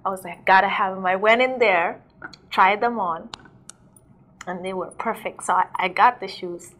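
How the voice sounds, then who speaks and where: A woman's voice: medium pitch, moderate pace, a bit bright. Young woman from south sudan, dj and model, chatty interview, lots of likes and ums, lapel mic in a studio. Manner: chatty, laughs often, many "like"s and fillers. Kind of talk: casual interview storytelling.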